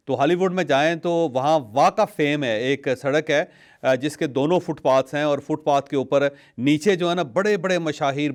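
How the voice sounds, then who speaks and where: A man hosts a talk show, telling stories and explaining health in a measured way with small hesitations. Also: medium pitch. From Pakistan. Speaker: host.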